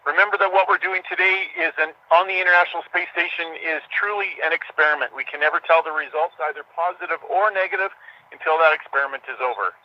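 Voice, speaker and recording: A man moderating a radio contact event, giving prepared explanations and handing over to others. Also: a little high. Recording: dull radio or telephone line.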